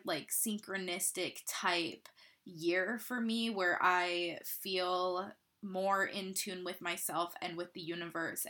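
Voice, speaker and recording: A woman's voice: lowish voice, bright, forceful tone. A woman hosting a podcast, talking in a casual, effusive and encouraging self-help influencer manner. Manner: informal, effusive, with frequent "like" and light swearing. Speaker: podcast host.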